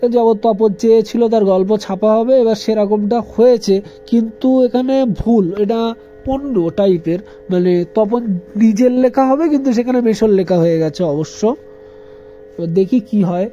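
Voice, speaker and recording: A man with a high-pitched, unhurried, mellow voice tutors students through a literature lesson, reading a story aloud, then repeating and explaining each line and telling them what to underline. The recording is lo-fi, with faint music in the background.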